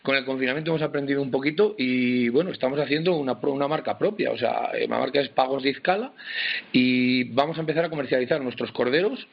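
A man's voice: mid-range voice, quick pace, vocal fry. A man who farms sheep and cattle, talking plainly and hesitantly in a radio interview, often restarting his sentences. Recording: dull lo-fi phone line.

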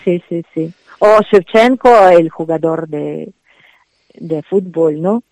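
A woman's voice: on the low side, slow, darkish tone, no room sound, rough recording. A woman from Ukraine, a native Ukrainian speaker with a Ukrainian accent, answering as a radio interview guest, hesitant with many fillers and restarts.

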